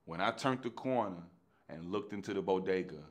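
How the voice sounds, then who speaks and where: A middle-aged man with a fairly low voice recounts his life as an actor. He acts out every exchange in street slang, dropping to a near whisper and then rising loud and fast. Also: expressive. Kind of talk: animated anecdotal storytelling.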